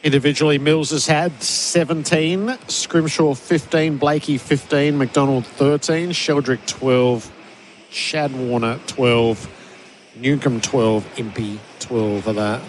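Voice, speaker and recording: A man's voice: medium pitch, fairly even intonation, slow. A man hosting a half-time sports radio broadcast, presenting the state of the game. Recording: faint background noise.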